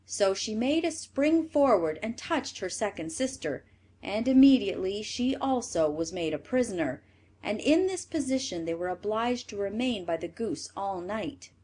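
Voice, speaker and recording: A woman reading a fairy tale aloud in an expressive storybook manner. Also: mid-range voice, moderate pace, slightly rough.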